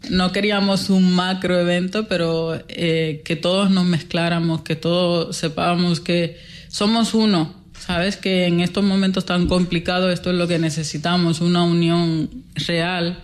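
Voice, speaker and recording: A woman's voice: fairly low pitch, flat delivery, a little slow. A woman from the Republic, talking emphatically as a guest organizer and repeating words for stress. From Dominican Republic. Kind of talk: casual interview talk.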